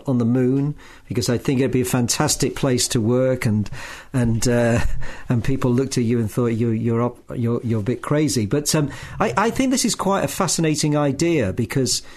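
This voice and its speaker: A man's voice: medium pitch, moderate pace, a little mellow. Musing male podcast host. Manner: musing, stammers on starts. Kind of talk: podcast interview.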